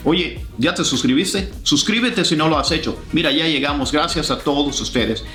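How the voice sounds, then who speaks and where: A man hosting a casual language lesson, explaining phrases and repeating them slowly for learners. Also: fairly high pitch, pushed and bright, echoey room, soft background music. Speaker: English teacher and channel host.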